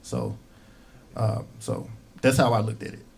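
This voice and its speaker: A man's voice: lowish voice, very animated, a little slow, vocal fry, slight background noise. A man being interviewed about his life as a musician, telling stories casually with lots of fillers and repeated words. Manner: rambling, repeats himself, lots of "you know" and "um". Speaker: musician guest.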